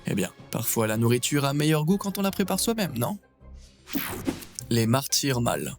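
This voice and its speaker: A man with a medium-pitched voice delivers scripted nature documentary narration. His manner is wry and playful. Soft music plays underneath his voice. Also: big pitch swings, moderate pace, creaky.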